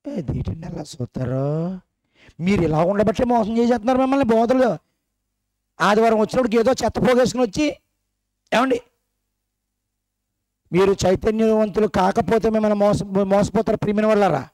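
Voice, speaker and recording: Guy preaching to a church crowd, fairly high voice, keeps firing questions at them, dry close sound. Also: brisk, pauses often, a little mellow, no echo. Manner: questions the congregation directly and teasingly. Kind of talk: sermon. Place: church meeting hall.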